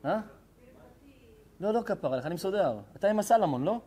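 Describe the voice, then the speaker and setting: A rabbi with a notably high voice teaches a live Torah lesson to a hall full of people. He jokes warmly with individual listeners and then shifts to earnest, heartfelt speech about faith. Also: expressive, husky. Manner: joking, affectionate banter with the crowd.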